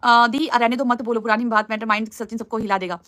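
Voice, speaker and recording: Woman, live-stream host, bright sharp voice, earnest and pleading, dry close sound. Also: on the high side, steady tone, fast talker, no echo. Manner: earnest, pleading, repeats "please" often. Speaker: live-stream host answering viewer comments. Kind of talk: casual live-stream chat.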